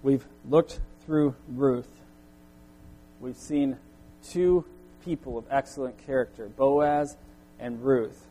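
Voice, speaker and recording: A man preaching a sermon in earnest, his voice climbing loud when he echoes the crowd's cries. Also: medium pitch, slow pace, pauses often, soft background music. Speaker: pastor.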